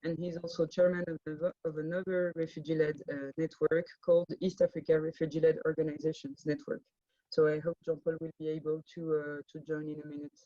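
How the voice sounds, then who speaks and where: Flat-voiced woman on a dull call line. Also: sits low, a little fast, no echo. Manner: steady, flat delivery with many uh fillers. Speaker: NGO advocacy lead. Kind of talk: panel introduction. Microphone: video call. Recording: dry, dull video call audio.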